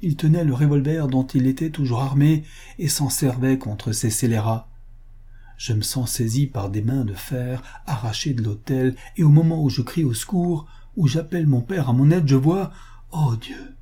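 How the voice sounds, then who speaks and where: A man's voice: moderate pace, warm tone, slightly rough, natural voice. A man voicing a grief-stricken young kidnapped bride, reading a pulp adventure audiobook in anguished outbursts. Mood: horrified. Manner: sobbing, breathless outbursts, rising pitch in grief.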